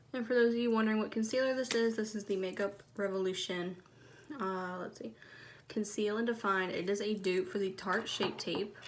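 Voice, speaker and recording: A soft, quiet-spoken woman chatting casually through a makeup tutorial, recorded on a phone. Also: on the high side. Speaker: beauty vlogger.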